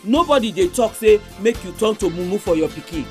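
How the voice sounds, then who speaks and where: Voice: mid-range voice, animated, brisk, a little mellow. Nigerian Pidgin radio presenter over music. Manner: exhorting, addressing listeners directly.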